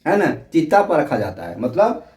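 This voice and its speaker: A man's voice: a little high, big pitch swings, moderate pace, a little mellow, reverberant, far from the mic. Repetitive man teaching from across a room. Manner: explains by repeating words and asking rhetorical questions. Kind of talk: classroom-style lesson.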